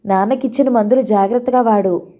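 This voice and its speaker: A woman voicing a fond, sharp-tongued middle-aged mother in a read-aloud novel. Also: a little high, a little fast, lightly acted. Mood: fussing.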